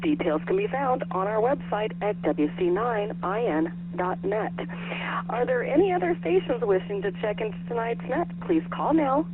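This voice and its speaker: A woman's voice: fairly high pitch, animated, moderate pace. A woman hosting an amateur radio net as net control, chatting informally over a two-way radio. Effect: two-way radio transmission. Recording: tinny narrow radio link with faint hum.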